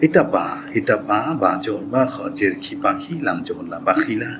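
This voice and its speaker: A lower-voiced man leads a slow lesson, chanting each letter and its vowel sound in an even drilling rhythm. He breaks off now and then to explain a point plainly before going back to the drills. A steady hiss of noise runs under the recording. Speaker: Arabic reading teacher.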